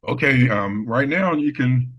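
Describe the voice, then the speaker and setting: A man talking as an interview guest, speaking haltingly with many fillers and restarts. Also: mid-range voice, lively intonation. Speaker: business development guest. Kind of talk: casual interview talk. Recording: dull lo-fi sound.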